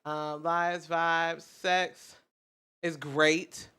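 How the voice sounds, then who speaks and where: Bright-voiced woman podcast producer chatting. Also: deep voice, little pitch movement, extremely slow, smooth. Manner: rambling, self-admitted stuttering. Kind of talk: casual podcast chat.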